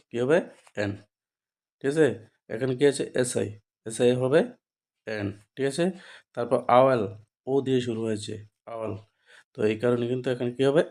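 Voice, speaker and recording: A man with a Bengali accent and a medium-pitched, slightly mellow voice teaches an English grammar lesson in classroom style. He repeats each rule and keeps checking that students follow with frequent rhetorical questions.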